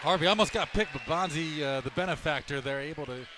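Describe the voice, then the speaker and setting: Man, color commentator, slightly high, chatty, fired up at times, arena noise behind. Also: fast talker. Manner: conversational, gets loud and worked up over calls. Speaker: color analyst. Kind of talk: live basketball color commentary. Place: arena broadcast booth.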